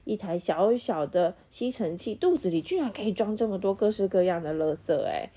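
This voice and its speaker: A woman's voice: mid-range voice, very animated, normal speed, mellow, husky. A woman voicing an appliance doctor in a repair shop, exclaiming in wonder, for a storybook read aloud. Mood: amazed.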